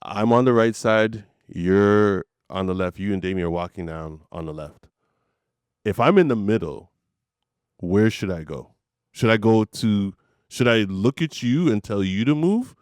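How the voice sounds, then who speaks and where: A man's voice: fairly low pitch, a little slow, a little mellow, clean tone, dry recording, studio quality. A man co-hosting a casual chat, teasing and asking questions, often laughing. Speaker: podcast co-host.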